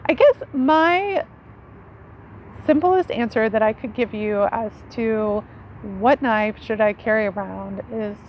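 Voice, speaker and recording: A slow, fairly high-pitched woman in her forties presents knives in a casual, teacher-style explainer to camera. Her conversational delivery leans on "right" to invite agreement as she teaches foraging. The clip was shot outdoors under a tree in a leafy yard, and its audio is dull with ambient outdoor noise.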